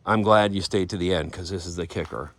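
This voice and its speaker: A man giving a casual walkaround of a vehicle he is giving away. He rambles, loses his train of thought and slips into a playful infomercial-style sales pitch. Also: fairly quick, a bit bright, dry recording. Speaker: vlogger showing a vehicle giveaway.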